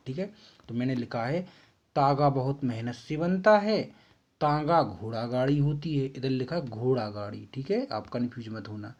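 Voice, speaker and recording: A man teaching a school lesson in a casual way, working through the answers step by step and saying each one more than once. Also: mid-range voice. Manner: explains step by step, repeats answers. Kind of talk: casual exam-prep lesson. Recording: dull lo-fi recording.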